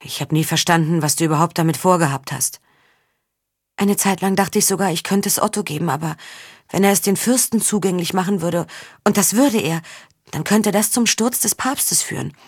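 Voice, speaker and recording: A resolute young princess weighed down by duty, as a woman reads her in an audiobook. She speaks with urgency in a slightly low, husky voice. The recording is dry. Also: moderate pace, dry recording. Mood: urgent.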